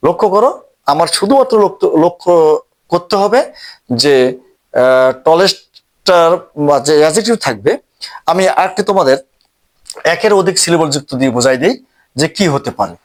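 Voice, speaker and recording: A man teaching an English grammar lesson, speaking slowly and repeating each word as he writes it out. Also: fairly high pitch, sing-song. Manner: slow, repeats each word while writing it out.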